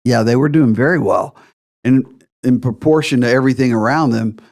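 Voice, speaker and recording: Man, podcast host, middle pitch, emphatic, step-by-step explainer. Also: a little fast, a little mellow. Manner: emphatic, lays out figures step by step. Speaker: retirement planner host.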